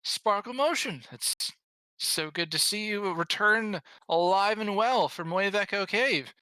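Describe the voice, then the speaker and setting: Man putting on a fretful old man, higher-pitched. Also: unhurried, bright, forceful tone, smooth, no echo, low-quality recording. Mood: delighted, welcoming. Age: older. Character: old male town official, courteous, concerned, fretful.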